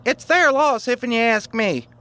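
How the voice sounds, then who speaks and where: A wisecracking sidekick, voiced by a man, speaks in a very high, bright, sharp voice. He teases his friends in a folksy drawl. His sarcasm colors every line of this audio drama. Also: animated, unhurried, full character voice. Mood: teasing.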